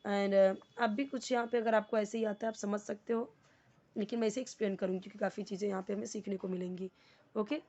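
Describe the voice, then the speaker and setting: A woman's voice: mid-range voice, fairly even intonation, mellow. Woman teaching step by step. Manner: mixes Hindi and English, reads sentences slowly then explains word by word. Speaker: English teacher. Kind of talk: explaining a lesson.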